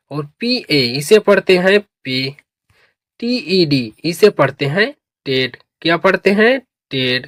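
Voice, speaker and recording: On the high side and recorded in a clean, echo-free studio, this man gives a slow English spelling lesson. He reads each word letter by letter, then asks his students to repeat it.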